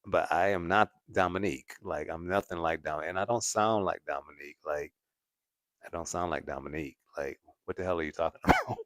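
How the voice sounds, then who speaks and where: Hosting a casual livestream, a man with a deep, slightly bright voice chats with viewers at a fairly quick pace, laughing often and repeating "at the end of the day." The studio sound is clean and echo-free.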